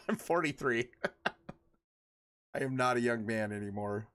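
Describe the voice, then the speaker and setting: A man's voice: mid-range voice, animated, slow pace, sharp tone. A man in his forties chatting casually with his livestream viewers, rambling and laughing often. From Michigan. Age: 40s. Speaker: livestream host.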